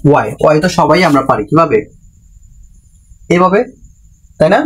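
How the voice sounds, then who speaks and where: A man's voice: a little high, animated, moderate pace, a bit bright, husky. A man teaching a class, patiently explaining each point and repeating questions back to the listener. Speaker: Japanese language teacher. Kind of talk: classroom-style lesson explanation.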